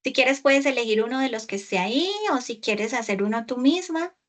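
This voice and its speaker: A woman tutoring English over a video call, explaining patiently and stretching out English words slowly. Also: on the high side, fairly bright tone. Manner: patient, slow and exaggerated English pronunciation, explaining in Spanish. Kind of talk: online tutoring session.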